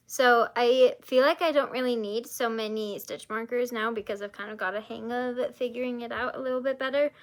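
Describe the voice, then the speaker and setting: Chatty woman with a slightly high voice. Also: fairly even intonation, fairly quick, hardly any pauses. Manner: rambling, chatty, many "like" fillers. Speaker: crochet vlogger. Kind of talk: casual vlog chat.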